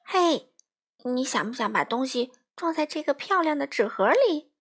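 A woman's voice: sits high, moderate pace, pitched above the performer's own voice. A woman doing an eager, flustered little crow. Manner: excited, pleading, chattering. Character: eager, bumbling young male crow.

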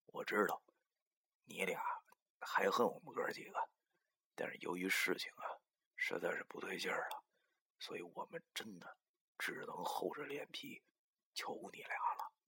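A man voicing an anxious middle-aged man who pleads in a soft, breathy near-whisper. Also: deep voice, lively intonation, moderate pace, long pauses, heavily acted. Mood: pleading, secretive.

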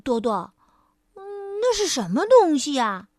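A woman's voice: sits high, big pitch swings, measured pace, darkish tone, no room sound, studio quality, pitched above the performer's own voice. A woman voicing a kind, slightly grumbly hedgehog in a children's storybook. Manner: complaining, then helpful.

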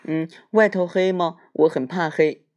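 A man's voice: a little high, measured pace, highs cut off, voice pushed up, close to an everyday voice. Man voicing a timid little bear cub. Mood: scared. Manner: small, pleading, fearful voice.

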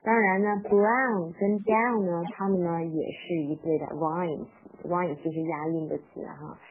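A woman with a lowish voice gives a live-streamed English lesson. She repeats words slowly and patiently and breaks down their sounds. The audio is thin and phone-like, with faint hiss behind her. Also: fairly even intonation. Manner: reads the rhyme aloud at slow, medium and fast speeds. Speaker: English teacher for parents and children. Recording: tinny phone-like sound with faint background noise.

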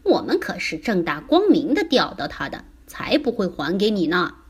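A woman's voice: lowish voice, big pitch swings, normal speed, slightly rough, exaggerated voice. A woman voicing a sly, smug fish who taunts the father, in a children's story reading.

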